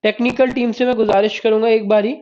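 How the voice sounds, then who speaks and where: A man's voice: high voice, level tone, quick pace, darkish tone. A male Hindi teacher running a live online exam-prep class, repeating points, quizzing students and praising them by name. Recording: dull lo-fi stream audio.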